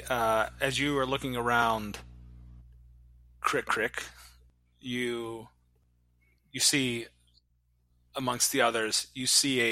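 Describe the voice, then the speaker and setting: A man running a tabletop game as game master, halting, with many fillers. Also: medium pitch, sharp tone, no room sound.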